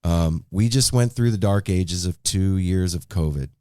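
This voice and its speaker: Man, podcast host, earnest and emphatic, repeats words, warm low voice, dry close sound. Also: measured pace, clear, resonant tone, no echo. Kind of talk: casual podcast conversation.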